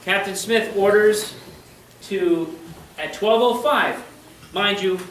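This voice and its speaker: A man's voice: high-pitched, slow pace, fairly bright tone, a little hiss or hum. A man giving a live history presentation to an audience, chatty and constantly checking in with his listeners. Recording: echoey room, voice from far off.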